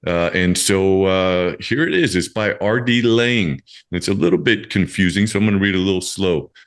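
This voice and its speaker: The host sits low in pitch, sounds animated and talks at normal speed. On his podcast he is effusive and encouraging, switching between scripted intro lines and loose chat and speaking directly to those listening.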